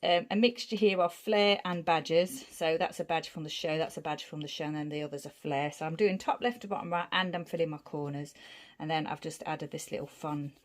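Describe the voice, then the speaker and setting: A woman's voice: deep voice, fairly even intonation, fairly quick. A woman casually showing her scrapbook layouts, rambling from one piece to the next as she describes the materials. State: out of breath. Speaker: scrapbooking vlogger. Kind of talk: casual craft show-and-tell.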